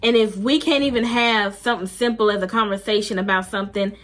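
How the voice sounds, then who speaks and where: A woman's voice: medium pitch, steady tone, fast talker. A woman vlogger telling a dating story in a blunt, emphatic, slangy way, casually talking to her viewers.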